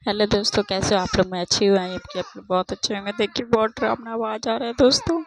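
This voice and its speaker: A woman's voice: mid-range voice, fairly even intonation, fast talker, slight background noise. A young woman making a casual vlog at home at night, speaking fearfully and repeating herself to her viewers. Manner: fearful, repetitive, addressing viewers as friends. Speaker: vlogger.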